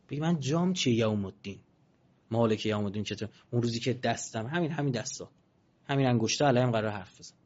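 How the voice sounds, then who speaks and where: A man giving a religious talk, slowly reciting verses and swinging from quiet asides to loud, emphatic passages. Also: medium pitch, highs cut off. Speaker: preacher.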